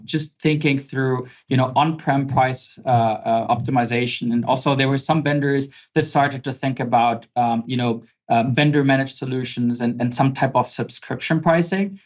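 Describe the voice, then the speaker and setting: Casting note: man in his forties, German accent, chatty webinar presenter, mid-pitched, slightly muffled audio. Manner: conversational, many fillers and repeated words. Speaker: pricing consultant presenting a webinar. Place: home office.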